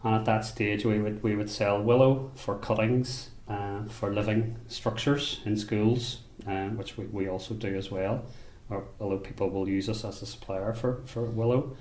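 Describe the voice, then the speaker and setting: A basket maker from Belfast, Northern Ireland, speaks in a low, steady voice during an interview monologue, likely recorded in a rural workshop or home. The sound is roomy with faint ambience, and his talk is unhurried and thoughtful, with frequent restarts.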